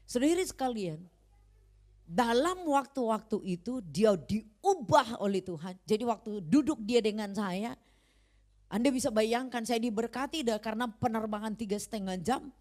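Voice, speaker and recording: Animated woman preaching a story sermon. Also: on the high side, moderate pace. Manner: animated, acts out quoted dialogue. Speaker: pastor. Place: church.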